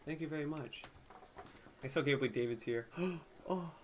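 A man's voice: medium pitch, steady tone, slight background noise. A man giving casual, joking commentary while playing through a story game. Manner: joking, quick asides to viewers. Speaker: let's play gamer.

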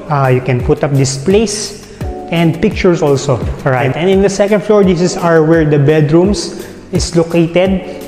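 A man with a Filipino accent narrates a property tour, strolling from room to room and ticking off fixtures with little tags like "yan" and "no". His voice sits a bit high for a man. The sound rings through large, bare rooms, with soft music playing underneath. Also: echoey room, long reverb tail. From Philippines. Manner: walking while narrating, listing features with frequent "yan" and "no" tags. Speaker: real estate tour guide. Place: large empty house, indoors.

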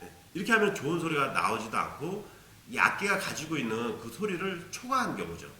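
A man's voice: a little high, wildly swooping pitch, fairly quick, pushed and bright, roomy sound, slight background noise. A man teaching a beginner ocarina lesson, patiently explaining and demonstrating tonguing syllables aloud. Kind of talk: instructional video lesson.

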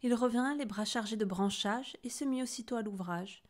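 A woman's voice: a little high, normal speed, a little mellow. A woman reading a children's picture book aloud, narrating expressively and doing the voices. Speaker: storybook reader.

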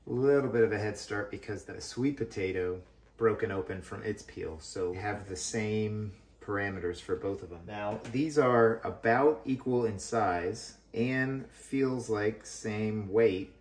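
A man's voice: on the low side, a little slow, reverberant. A man hosting a hobby video, casually explaining what he finds while digging through a worm bin with his hands. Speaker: worm farming channel host.

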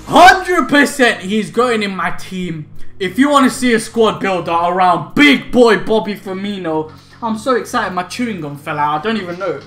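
A high-pitched, animated young man talks at a moderate pace during excited pack-opening commentary. As a gaming YouTuber in a small home room, he shouts, laughs and riffs in slang, with faint music in the background.

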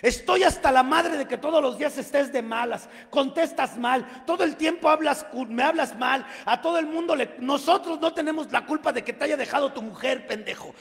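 A man voicing a furious middle-aged Mexican mother who curses at her grown son in a crude, swearing tirade that climbs to shouts. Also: high-pitched, moderate pace, vocal fry, long reverb tail. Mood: furious scolding.

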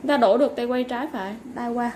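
A woman seller giving a polite, informal product sales pitch, going item by item with repeated stock phrases. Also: fast, a little mellow. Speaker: online seller of used fishing reels. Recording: clearly noisy background ambience.

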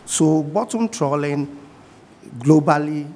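A middle-aged man with a Ghanaian accent and a fairly high voice speaks calmly in a TV studio interview, going back over his main points. His voice trails off into a long studio reverb, over a faint background hiss. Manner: measured, repeats key points. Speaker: fishing industry guest.

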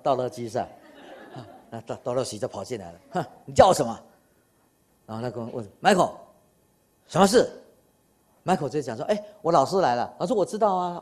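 An older man giving a public science lecture, telling anecdotes with animated quoted dialogue and laughter. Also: medium pitch. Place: lecture hall.

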